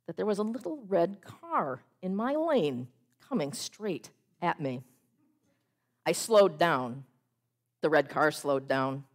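Woman preaching, measured storytelling. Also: low-pitched. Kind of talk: sermon.

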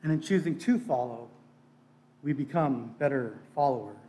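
A middle-aged pastor, born in Bangladesh and raised partly in Pakistan in a missionary family, delivers a sermon in an earnest, conversational style, sharing personal testimony and repeating phrases for emphasis. His voice is mid-range and mellow at a moderate pace, picked up by a distant mic in an echoey room.

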